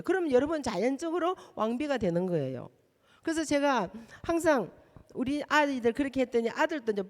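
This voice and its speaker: Animated woman preaching in a church. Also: fairly high pitch, in a large hall. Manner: animated, emphatic, addresses the congregation directly. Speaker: missionary preacher. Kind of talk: sermon. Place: church hall.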